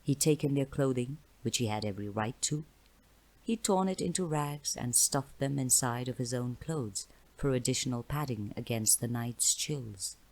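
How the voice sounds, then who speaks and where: A woman with a strikingly low, deep voice reads a dark fantasy story aloud. Her delivery is measured and dramatic, unhurried storybook narration. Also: rough recording. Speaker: audiobook narrator.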